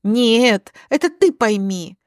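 A woman voicing a furious young wife who snaps sharp commands in a spoken story. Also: a little high, big pitch swings, extremely slow, no room sound, clean studio sound, heavily acted.

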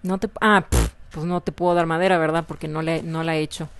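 A woman's voice: deep voice, fairly quick, a little hiss or hum. A woman with a Mexican Spanish accent giving casual, chatty commentary over gameplay and repeating her words often. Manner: chatty, excitable, repeats herself, frequent laughs. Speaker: gaming video host.

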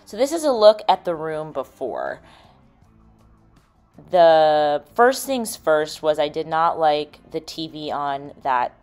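Lower-voiced woman narrating a makeover vlog. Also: sing-song, slow pace, a little mellow. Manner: chatty, step-by-step explaining. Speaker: host and room designer. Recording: background music under the voice. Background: music.

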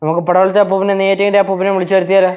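A young actor plays a fretful son who pours out his worries in a rush. His voice is high for a man and his speech tumbles out very fast. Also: flat delivery, a little mellow, clean tone, lo-fi sound, lightly acted. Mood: worried. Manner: anxious, worried. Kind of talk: sitcom acting.

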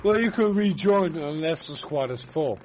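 A man's voice: fairly high pitch, lively intonation, normal speed, darkish tone. A man from the Netherlands with a Dutch accent, squad leader in an online shooter, teasing, insistent and swearing as he switches between English and Dutch in game voice chat. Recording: dull lo-fi voice chat with faint noise.

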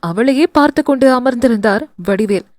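Woman, audio novel narrator, high voice, very expressive, dry close mic. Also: fairly quick, no room sound. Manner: expressive, animated reading. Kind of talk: scripted storytelling narration.

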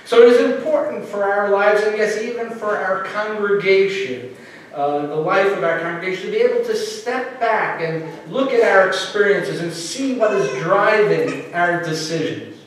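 A middle-aged man giving a sermon as minister, earnest and conversational, with slow emphatic pauses. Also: high-pitched, slight background noise. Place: church sanctuary. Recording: echoey church hall mic from a distance.

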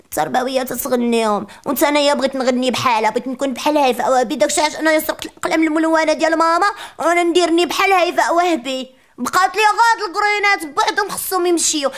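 A woman voicing a chatty, sassy little preschool girl with a Moroccan accent, ranting in a comic monologue. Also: fairly bright tone. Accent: Moroccan Arabic. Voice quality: childish high voice, rapid rants.

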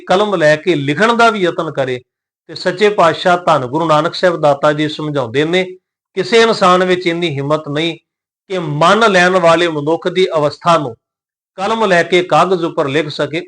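Slow, careful male scripture teacher. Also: a little high, fairly bright tone. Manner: slow, careful recitation of verses, then plain explanation. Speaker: Gurbani teacher. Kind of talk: scripture pronunciation lesson.

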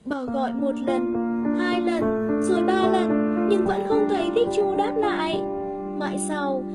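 A woman narrating a fairy tale for children slowly and expressively, with guitar music behind. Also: very high-pitched. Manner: slow, soothing, expressive. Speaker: children's storyteller.

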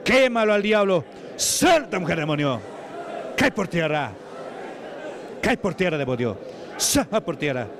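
Peruvian pastor guy, fairly high voice, yelling and repeating himself at a church deliverance service. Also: sing-song, a little slow, pauses often, some chatter behind. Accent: Peruvian Spanish. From Peru. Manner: shouted commands and chanted repetitions. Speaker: preacher. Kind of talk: fervent deliverance preaching.

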